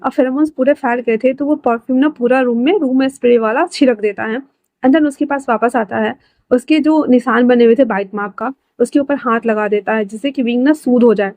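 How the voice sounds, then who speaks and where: Chatty woman storyteller, slightly high voice. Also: fairly quick, darkish tone, dry recording. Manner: casual, chatty, with fillers. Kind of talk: fan fiction narration.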